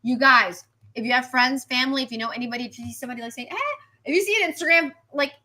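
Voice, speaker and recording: A woman meteorologist giving a live weather stream, animated and chatty, repeating herself and reacting to viewer comments. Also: high-pitched, very fast.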